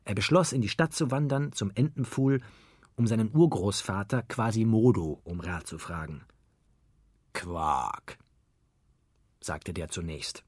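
A man reading a children's radio story aloud in a playful, lively way, stretching words for effect. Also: on the low side, slightly rough, no room sound, clean studio sound. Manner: playful, lively character voices and drawn-out words.

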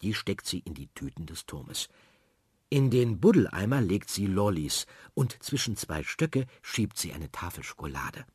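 A man reading a children's story aloud in a lively, expressive way. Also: deep voice, measured pace, slightly rough, no echo, studio quality.

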